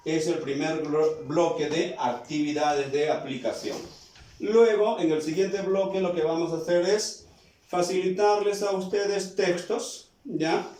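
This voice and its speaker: A man's voice: fairly high pitch, darkish tone, far from the mic. A male teacher giving a spelling lesson to students. He asks himself questions and answers them, and draws out the words he is teaching. He has a Peruvian Spanish accent. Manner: slow, drawn-out words, plays both the question and the answer. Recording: very echoey room, away from the mic.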